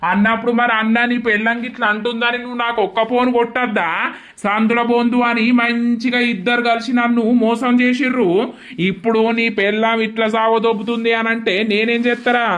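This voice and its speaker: This cartoon village man is middle-aged and bitter, and he scolds and curses at full volume, as a voice actor puts him on. He speaks in a Telangana accent, at a middle pitch. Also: level tone, brisk, close to an everyday voice. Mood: scolding. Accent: Telangana Telugu. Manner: scolding, cursing, loud. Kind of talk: village comedy cartoon dub.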